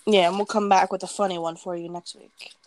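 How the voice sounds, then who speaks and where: A woman with a raspy, just-woken voice chatting casually and playfully as a podcast co-host. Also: lowish voice, flat delivery, fairly quick, a little mellow. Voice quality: raspy, just-woke morning voice. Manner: playful, bantering. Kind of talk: casual chat.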